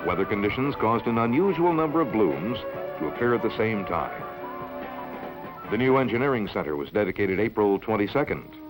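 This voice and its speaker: A man narrating an old newsreel in a measured, formal announcing manner. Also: on the low side, very animated, over music, rough recording.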